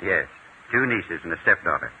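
An actor playing a genteel, anxious millionaire with a polite, formal, practical manner in an old radio mystery. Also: male voice, low-pitched, big pitch swings, normal speed, bright, forceful tone, heavily acted. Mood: grave. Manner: polite, formal, matter-of-fact. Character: genteel, anxious millionaire uncle fearing he will be murdered. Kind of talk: 1940s mystery radio acting. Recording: tinny, hissy old radio recording.

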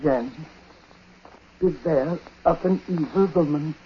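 An actor playing a dying, superstitious old uncle in a 1940s radio drama, speaking haltingly in short, weighty phrases. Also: male voice, a little high. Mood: grim warning. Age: older. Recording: muffled, noisy 1940s radio recording.

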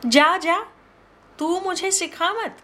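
Woman voicing a sharp, bossy housewife. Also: high voice, very animated, measured pace, pitched above the performer's own voice, full character voice. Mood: scolding. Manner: sharp, scolding, haggling. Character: bossy middle-aged mistress of a house.

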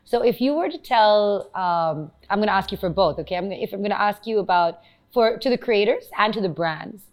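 A woman's voice: mid-range voice, animated, a little fast. A woman with an Indian accent hosting an interview, affirming her guest and thinking aloud through long, conversational questions. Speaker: interview host.

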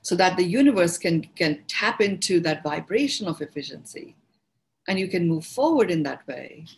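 A woman's voice: medium pitch, poor audio. Woman, Indian accent, podcast host, mid-range voice, reflective teaching tone, restarts words as she thinks. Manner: unhurried, repeats and restarts words while searching for phrasing. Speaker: podcast host and speaker on personal growth.

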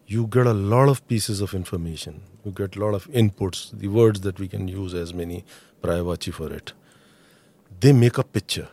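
A man's voice: deep voice, moderate pace, warm tone. A middle-aged man with an Indian accent explains intelligence matters as a guest expert, mixing Hindi and English as he goes. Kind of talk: explanatory interview analysis.

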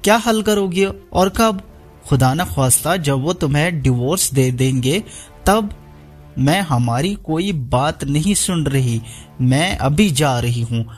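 A man's voice: a little high, animated, a little slow, hardly any pauses, soft background music. A man voicing a hot-tempered young woman friend who speaks heatedly and insistently.

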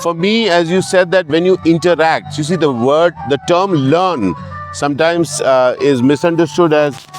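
A man's voice: fairly high pitch, normal speed. A man with an Indian accent hosting a casual on-location interview, often chiming in with acknowledgements. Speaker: host, interviewer. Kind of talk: casual on-location interview, mixing Hindi and English. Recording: faint music behind. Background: music.

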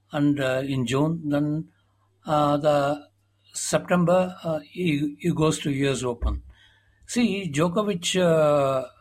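A man with a slightly high voice talks as a guest sports journalist. He explains at length in a loose, conversational way, and fillers run through his speech. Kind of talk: conversational interview.

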